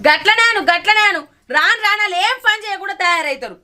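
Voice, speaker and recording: A woman playing a shrill, scolding village mother-in-law. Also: quick pace, sharp tone, full character voice. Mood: complaining. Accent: Telangana Telugu. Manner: scolding, complaining, taunting. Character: nagging, bitter village mother-in-law, quick to quarrel. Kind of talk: village short-film acting. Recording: background music under dialogue. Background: film music.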